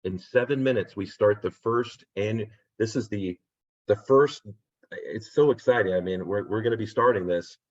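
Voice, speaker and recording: Man, host, video call pep talk, husky, lowish voice, hoarse, muffled lo-fi call audio. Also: moderate pace, darkish tone. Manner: upbeat, rambling, motivational. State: losing his voice, clearing his throat. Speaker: host of a real estate agent training call.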